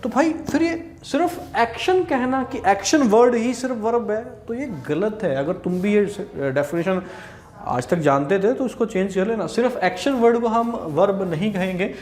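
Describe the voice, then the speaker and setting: Young male tutor, Haryanvi accent, highish voice, teasing, keeps asking the class questions. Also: expressive, normal speed, a little mellow. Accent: Haryanvi Hindi. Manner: chatty, scolding asides, rhetorical questions. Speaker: English teacher. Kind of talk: online exam-prep lesson.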